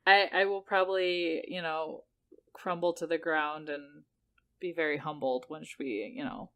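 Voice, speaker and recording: Casting: woman podcast co-host, slightly low register, loose conversational delivery that rambles along casually. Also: fairly even intonation, measured pace. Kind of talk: casual chat.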